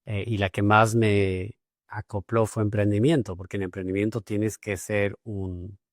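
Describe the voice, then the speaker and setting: Hesitant low-voiced male host, dry. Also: little pitch movement, unhurried, no echo. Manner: thoughtful, many hesitations and repeated words. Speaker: podcast host. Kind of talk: casual interview conversation.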